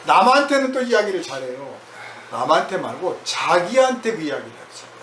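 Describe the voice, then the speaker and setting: A man's voice: a little high, big pitch swings, moderate pace. A male pastor preaching in a conversational way, acting out prayers in quoted voices. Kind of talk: sermon. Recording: echoey hall from far off, faint noise.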